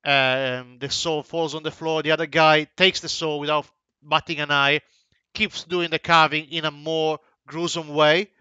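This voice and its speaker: A man with a bright, smooth voice narrates as game master of a tabletop game. He speaks slowly and hesitantly, with many fillers and restarts. The sound is dry, dull and lo-fi. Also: on the high side, little pitch movement, no echo.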